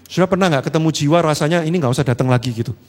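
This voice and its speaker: A man, preaching a sermon in a church hall, animated and acting out quoted voices, then dropping low and slow for earnest points. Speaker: pastor. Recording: long church reverb.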